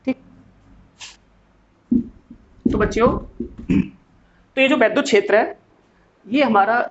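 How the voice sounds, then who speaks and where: A man's voice: extremely high pitch, normal speed. A male physics teacher lecturing in speech, asking questions and answering them himself. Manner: asks and answers his own questions, calls students "beta". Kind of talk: classroom lecture. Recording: dull lo-fi sound.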